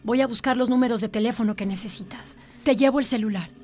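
A woman's voice: a little high, fast, over loud music, close to an everyday voice. A woman playing the devoted, resolute wife of a blind doctor in an audio drama. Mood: firm, caring.

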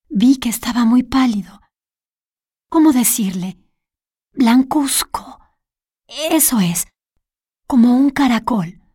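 A woman's voice: fairly high pitch, mellow, husky, dry recording, clean studio sound. A woman voicing a flustered, remorseful middle-aged lady in a storybook reading, talking fretfully and repeating herself. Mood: recalling.

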